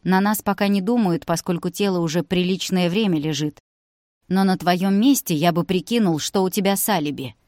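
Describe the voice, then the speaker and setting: Woman doing a gloomy young guy, low grudging mutter, dry close sound. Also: brisk, a little mellow, dry recording, natural voice. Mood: glum wry. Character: young man, gloomy, wry, reluctant.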